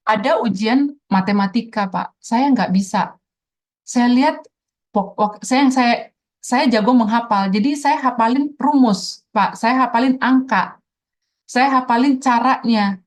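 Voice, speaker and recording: A middle-aged woman with a somewhat high voice speaks unhurriedly, giving an earnest personal testimony in an interview. She tells her story to the host, frequently addressing him directly.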